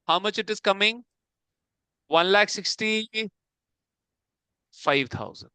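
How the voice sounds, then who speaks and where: Male teacher, high and bright, crisp delivery, calls students "beta", keeps checking they follow, live classroom. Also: dry recording. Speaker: accounts teacher. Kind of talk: classroom lecture.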